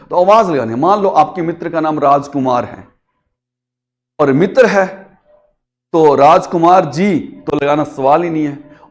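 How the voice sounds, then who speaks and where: A man teaching a grammar lesson to students, stretching out syllables and calling out words to demonstrate pronunciation and asking the class questions as he goes. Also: a little high.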